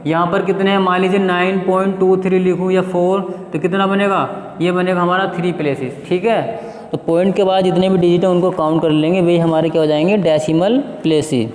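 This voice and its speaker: A man's voice: high-pitched, flat delivery, darkish tone, echoey room, long reverb tail. A male math teacher, explaining a lesson step by step and asking the class questions that he then answers himself. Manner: reads definitions aloud slowly.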